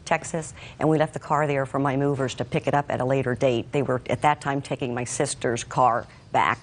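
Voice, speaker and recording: Low-voiced American woman, polite plaintiff. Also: fairly even intonation, fairly quick. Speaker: plaintiff in a TV court case. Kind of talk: orderly, polite testimony.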